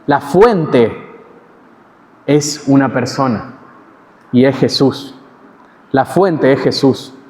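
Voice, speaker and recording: A man with an Argentine accent preaching an expository sermon in a measured, teaching way, pausing and correcting himself now and then. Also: medium pitch, a little mellow. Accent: Argentine Spanish. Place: church hall. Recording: long church hall reverb.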